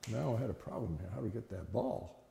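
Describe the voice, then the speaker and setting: An elderly man shares memories in a plain, conversational storytelling manner that halts now and then. His voice is very soft-edged and dark, with a gravelly creak. The recording rings with the long reverb of an echoey room. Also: on the low side, sing-song, fast talker. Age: older, 70s or above. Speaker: interviewee recounting childhood memories. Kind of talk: conversational oral-history storytelling.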